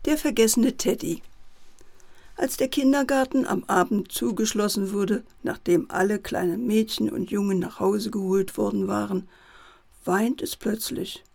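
A woman narrating a children's bedtime story in a gentle, lively way. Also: mid-range voice, a little slow, creaky.

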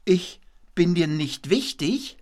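A man's voice: fairly high pitch, animated, slow pace, darkish tone. A man voicing Kasper, a mischievous puppet husband who teases his wife by mishearing her, in a puppet play. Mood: teasing. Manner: playful, feigns mishearing, whiny when scolded.

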